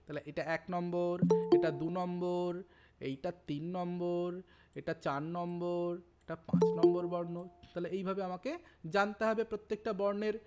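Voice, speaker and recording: A middle-aged man teaching grammar for an exam, explaining patiently step by step and repeating key points. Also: sits high. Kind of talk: exam-prep grammar lesson.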